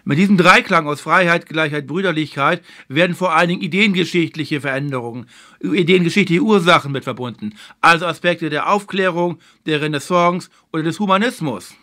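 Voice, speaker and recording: A man hosting a video lecture series, explaining history in a measured way and stressing his key points. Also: fairly high pitch, bright, forceful tone. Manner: filler phrase "eben halt".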